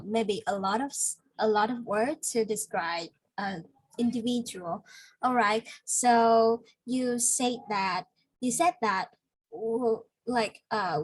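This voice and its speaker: Woman, Vietnamese accent, English teacher, husky voice, unhurried, patient corrections. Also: on the high side. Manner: patient, corrective, explains word choices slowly. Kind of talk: speaking practice lesson.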